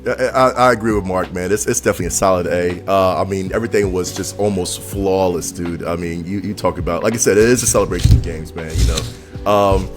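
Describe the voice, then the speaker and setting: A man's voice: low-pitched, fairly even intonation, fairly quick, over music. A man as a podcast guest in casual chat, talking in a laid-back, slangy way with lots of fillers.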